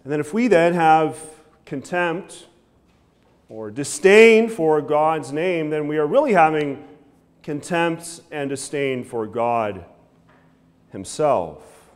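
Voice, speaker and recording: Animated young pastor preaching from a pulpit. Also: male voice, fairly high pitch, takes it slowly. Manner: animated preaching with frequent "right?" asides and hand gestures. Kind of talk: sermon. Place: church sanctuary, preaching at a wooden pulpit.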